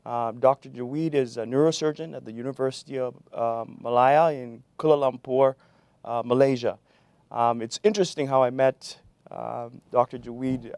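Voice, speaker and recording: A man moderating a symposium, introducing the next speaker with a relaxed anecdote and frequent fillers. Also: medium pitch, smooth, no room sound.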